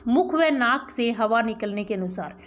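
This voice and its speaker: A woman's voice: a little high, expressive. A woman teacher explaining grammar step by step, asking rhetorical questions and checking that the class has followed. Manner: pronounces sounds slowly and drawn out as examples. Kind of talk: grammar lesson.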